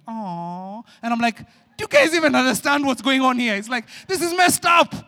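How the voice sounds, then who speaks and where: A middle-aged man preaching a sermon as pastor, telling a story animatedly and acting out his younger self. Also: high-pitched. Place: large church hall. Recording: long hall reverb.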